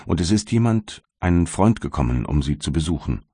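A man voicing a kindly but stern male magistrate in an audiobook, speaking in a measured way. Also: a bass voice, slightly rough, no echo, studio quality, heavily acted. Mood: gentle. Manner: gentle, measured, turning stern.

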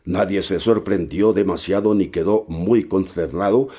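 A man reading a novel aloud as narrator, steady and measured with occasional hesitations. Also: low-pitched, husky. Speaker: audiobook narrator.

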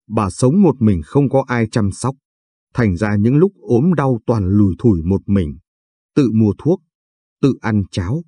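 A man narrating a first-person story in a somber, measured way. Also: on the low side, warm tone, breathy edge, dry recording.

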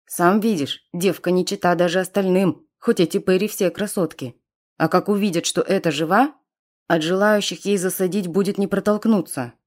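A woman voicing a pushy, impatient male raider with a hoarse voice in an audiobook. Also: lowish voice, moderate pace, natural voice.

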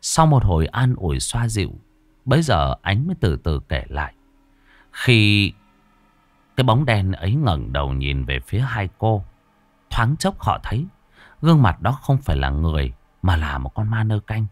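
A man narrates a horror audiobook dramatically. His voice is fairly low, and it rises and falls widely. The recording is dry and close-miked. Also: normal speed, no echo. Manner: expressive, dramatic.

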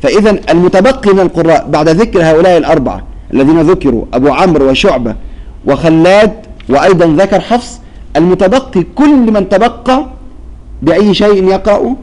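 A man's voice: high voice, expressive, fast talker, a little mellow, low-quality recording. Questioning male Quran teacher. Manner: explains step by step, checks understanding with questions. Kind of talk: classroom lesson.

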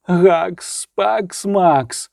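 A man's voice: extremely slow, vocal fry, darkish tone, dry recording, clean studio sound, exaggerated voice. A man chanting as a frantic young scholar howling spells. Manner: howling, booming incantation.

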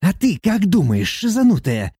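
A man voicing a small, rude male demon dwarf who squeaks insults in a grumbling, mocking way. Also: wildly swooping pitch, moderate pace, mellow, breathy edge, dry recording, studio quality, heavily acted. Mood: sneering.

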